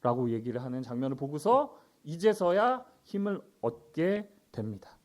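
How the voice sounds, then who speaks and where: A male pastor giving a Sunday sermon, reading scripture aloud louder and then explaining it in casual asides with fillers. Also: fairly high pitch, sing-song, moderate pace.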